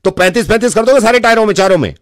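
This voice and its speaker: A man making a radio prank call, feigning confusion and then ranting loudly. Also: high-pitched, expressive, racing, no room sound, clean studio sound.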